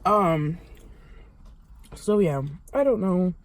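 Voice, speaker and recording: A young adult woman talking to camera in a confessional vlog, halting and vulnerable, with many fillers and restarts. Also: lowish voice, lively intonation. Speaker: vlogger.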